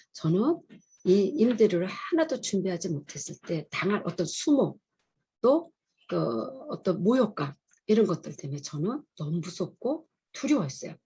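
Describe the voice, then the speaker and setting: A woman's voice: mid-range voice, dark tone, slightly rough, poor audio. A middle-aged woman, a pastor's wife, giving an earnest, confessional testimony at a chapel service. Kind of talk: testimony sermon.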